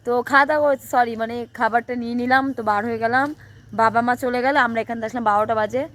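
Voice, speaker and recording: Hoarse young woman, rapid chatty vlog delivery, highish voice. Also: steady tone, a bit bright. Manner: chatty, rambling, addresses viewers directly. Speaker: vlogger. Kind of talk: casual vlog narration to camera.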